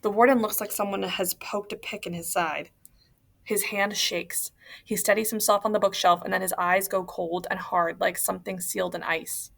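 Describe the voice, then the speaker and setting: A woman narrating an audiobook in an even, steady storytelling manner. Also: mid-range voice, moderate pace, creaky. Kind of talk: audiobook reading.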